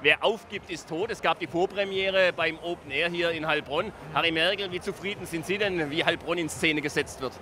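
A middle-aged man moderates a live talk show from a festival tent. His voice is bright and fairly high, carried on a handheld mic with some background noise around him. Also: brisk, few pauses. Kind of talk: lively live panel moderation. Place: busy festival beer tent. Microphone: handheld reporter microphone.

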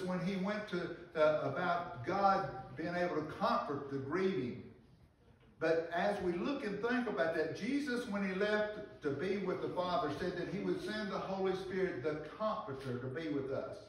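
An older man giving a sermon from a church pulpit, reading scripture and preaching earnestly, with slow pauses and restarts, recorded from the pews. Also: high voice, a little hiss or hum. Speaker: pastor. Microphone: far camera in the pews. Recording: echoey church from far off.

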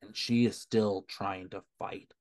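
A man with a lowish voice recaps a comic issue for his book club podcast, walking through scenes in a plain, easygoing way. He reads longer passages aloud, with the odd "um" slipped in. The recording is dry and close, with no room sound. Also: steady tone, slow, a little mellow, no room sound. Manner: retells scenes plainly, quotes dialogue in a low subdued tone.

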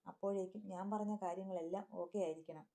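A woman's voice: mid-range voice, fairly even intonation, fairly quick, dark tone, lightly acted. A woman voicing a young husband who gives curt orders. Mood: commanding. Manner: curt, commanding.

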